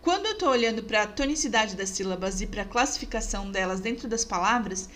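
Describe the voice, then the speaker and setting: A woman teacher narrating a review lesson over slides, measured and clear, stressing each example word. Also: mid-range voice, lively intonation, fairly bright tone, a little hiss or hum.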